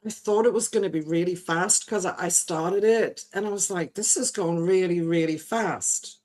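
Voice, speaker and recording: A woman's voice: on the low side, moderate pace, a little mellow. A woman artist talking about her cover art in a casual live-stream chat, rambling and emotional, often laughing.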